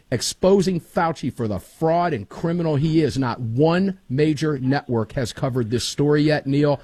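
A man's voice: medium pitch, darkish tone, no echo. A middle-aged man hosting talk radio in an emphatic, folksy way, repeating phrases for punch, on a studio mic. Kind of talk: radio show hosting with sponsor reads. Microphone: close studio broadcast microphone.

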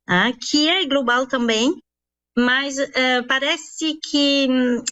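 A woman from France, a nutritionist, answering interview questions in a measured, explanatory way with frequent fillers. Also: fairly high pitch, fairly bright tone, dull audio. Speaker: nutritionist guest.

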